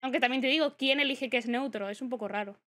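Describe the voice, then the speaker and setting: A woman's voice: high voice, quick pace, fairly bright tone. A young woman from Spain with a Spanish accent, chatting casually through live gameplay commentary and breaking into shrieks and swearing when she gets startled. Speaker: streamer.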